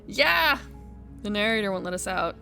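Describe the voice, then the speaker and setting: A woman's voice: medium pitch, lively intonation, moderate pace, vocal fry, over music. A woman giving chatty, playful live commentary as she plays a video game. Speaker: game streamer. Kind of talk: casual live playthrough commentary.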